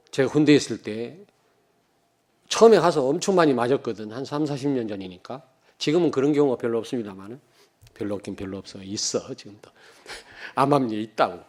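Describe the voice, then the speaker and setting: A man in his fifties from Cheonan, preaching a sermon as pastor, joking and telling stories, swinging from loud emphasis to quiet asides and calling out to the congregation. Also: medium pitch. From Cheonan, South Korea. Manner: joking, anecdotal, calls out to the congregation.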